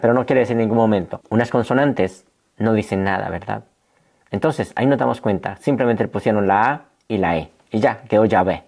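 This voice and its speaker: A man's voice: fairly low pitch, a little mellow. Emphatic male preacher. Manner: addresses listeners as brothers, rhetorical questions; emphatic, slows down on key words. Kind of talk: sermon.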